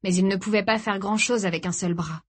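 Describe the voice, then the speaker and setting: A woman's voice: medium pitch, steady tone, fairly quick. Woman narrating a grave story. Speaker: audiobook narrator. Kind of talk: scripted dramatic narration.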